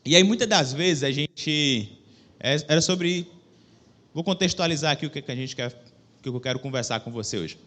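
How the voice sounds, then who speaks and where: A young Brazilian man, speaking with a Brazilian Portuguese accent, delivers a casual, conversational sermon in a church hall. His voice is fairly high and moderately paced as he chats, jokes at his own expense, and asks the audience questions through a microphone with a stage monitor.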